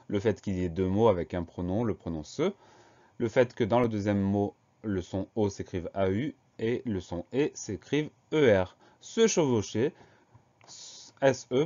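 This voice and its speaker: A man teaching a spelling lesson for children, patient and slow, spelling each word letter by letter. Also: lowish voice, mellow, lo-fi sound.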